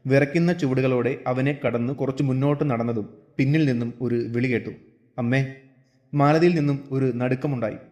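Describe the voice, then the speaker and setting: A man narrating a serialized novel in a steady storybook reading. His voice sits at an ordinary middle pitch for a man. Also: quick pace.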